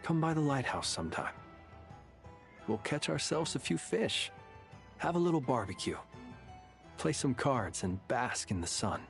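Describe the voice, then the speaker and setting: A man voicing a calm, wry lighthouse keeper in a video game, with a courtly, gently teasing manner. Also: mid-range voice, measured pace, vocal fry, pauses often, soft background music. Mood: teasing, unruffled.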